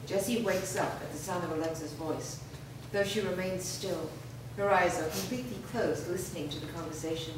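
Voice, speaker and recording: A woman with a slightly low, steady voice narrates screenplay stage directions at a moderate pace, rarely pausing. She is heard from afar in a very reverberant room, with noise behind her.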